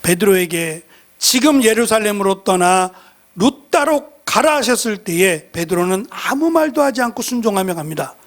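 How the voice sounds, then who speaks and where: A middle-aged male pastor preaching a sermon in an earnest, reflective way. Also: high voice.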